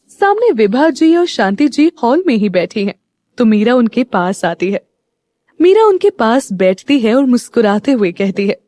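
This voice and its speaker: A woman narrating an audio story in a steady, even storytelling manner. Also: a little high, no room sound, clean studio sound.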